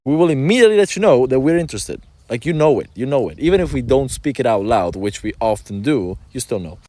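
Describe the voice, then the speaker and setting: Man explaining calmly. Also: medium pitch. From Italy. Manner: measured, explanatory, with "uh" pauses. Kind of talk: explaining views to camera.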